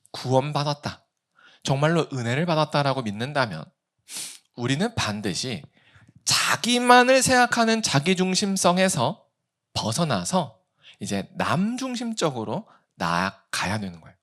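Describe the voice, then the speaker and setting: Male pastor, 30s, sermon; raised voice, very expressive pitch, rhetorical questions. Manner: animated preaching with acted-out quotes and rhetorical questions.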